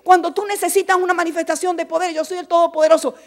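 A woman preaching a fervent sermon, with emphatic repeated phrases, who swings from soft asides to shouted exhortation. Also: very high voice, flat delivery, rapid-fire.

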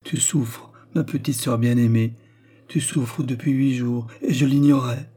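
A man's voice: mid-range voice, moderate pace, mellow, breathy edge, close to an everyday voice. A man reading an audiobook, voicing a tender but impetuous woman who protects her younger sister. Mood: tender worried. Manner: tender, then fiercely protective. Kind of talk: audiobook character voice.

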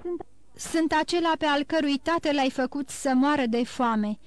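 A woman's voice: sits high, dry recording, natural voice. A woman voicing a vengeful male count who speaks in a somber, solemn way, in an audiobook. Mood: accusing. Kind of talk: audiobook reading.

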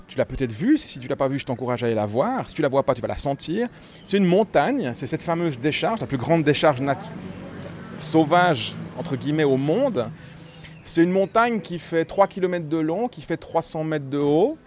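A man with a fairly high, darkish-toned voice, raised in Switzerland, is interviewed casually in a restaurant about the foundation he founded. He speaks emphatically, hammering home his points and piling up repetitions.

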